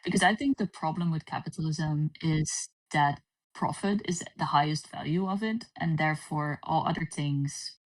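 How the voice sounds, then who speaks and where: A Dutch woman from the Netherlands, appearing as a guest on a livestream, chats in a laid-back, relaxed way with frequent pauses. Her voice is on the low side, and the distant, echoey stream audio makes her sound far off, as if she were speaking from inside a cave.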